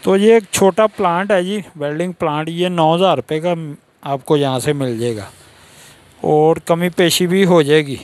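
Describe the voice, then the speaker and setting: A vlogger in his thirties, speaking Urdu with a Pakistani Punjabi-inflected accent, films a casual walking tour of an indoor tool shop in a market. He points things out and asks about prices at a moderate pace. His voice is fairly high with a darkish tone.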